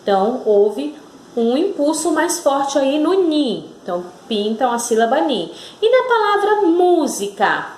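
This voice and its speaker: Slow, lively woman teacher. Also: high-pitched, echoey room, slight background noise. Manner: slow and drawn out, stressing syllables. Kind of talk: children's Portuguese lesson.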